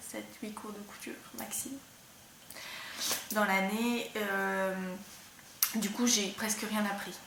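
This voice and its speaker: A woman hosting a knitting and sewing podcast in a casual, rambling chat, slightly hoarse as she loses her voice. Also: medium pitch, a bit bright. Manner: chatty, rambling, many fillers. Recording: roomy room with faint background noise.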